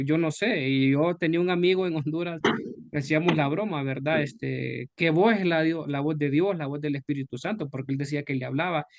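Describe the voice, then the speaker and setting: A man's voice: on the high side, dry recording. A man, a pastor, leading a Bible study discussion in a conversational way and asking the group questions.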